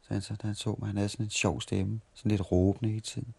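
Man in his 40s from Denmark, somewhat low voice, rambling anecdotal interviewee who stumbles and restarts. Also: level tone, vocal fry, darkish tone, breathy edge. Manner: halting, repeats and restarts words while reminiscing. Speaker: street performer interviewee. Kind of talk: storytelling interview.

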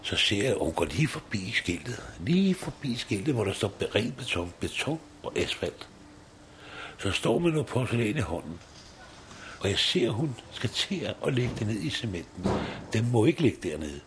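Older guy, kinda low voice, rambly chat w/ lots of tag questions, faint hiss behind. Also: very animated. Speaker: recycling site worker. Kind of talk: casual interview talk.

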